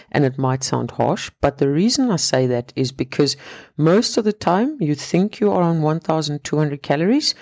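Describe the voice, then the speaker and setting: Man, solo podcast host, fat loss coach, blunt, sarcastic, swears casually, middle pitch, dry close sound. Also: darkish tone, no room sound.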